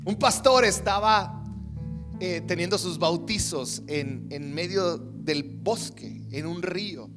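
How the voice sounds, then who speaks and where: A man with a Mexican Spanish accent preaching a sermon in an earnest way, swinging from soft to emphatic. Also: high-pitched, slow, music in the background. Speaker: pastor.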